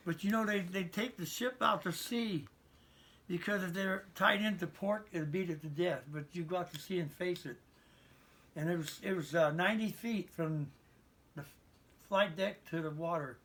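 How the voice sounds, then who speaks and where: A man's voice: high voice, moderate pace, fairly bright tone. An American man in his seventies, a veteran remembering his service in rambling, folksy conversation with stammered repeats. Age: 70s. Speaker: interviewed Navy veteran. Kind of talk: conversational reminiscence.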